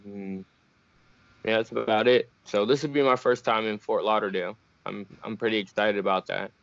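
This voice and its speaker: There's vocal fry in this young man's fairly low voice as he talks at a moderate pace, with no room sound. He's a bare-knuckle fighter from Virginia, a laid-back guest on a video call who laughs a lot, heard through muffled, dry audio.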